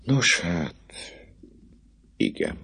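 A man with a deep, gravelly, husky voice reading an audiobook and voicing a tormented, obsessive priest who pleads feverishly. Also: big pitch swings, dark tone, heavily acted. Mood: desperate.

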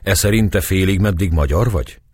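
A man doing a calm, shrewd husky priest. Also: sits low, pitched above the performer's own voice. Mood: probing. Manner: calm, questioning. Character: calm, shrewd Hungarian male priest, sharp and probing.

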